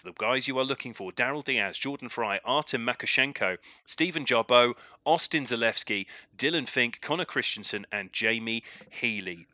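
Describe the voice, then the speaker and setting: A man commentating a live sim drift racing event, his voice climbing with excitement during the battles. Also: mid-range voice, no echo.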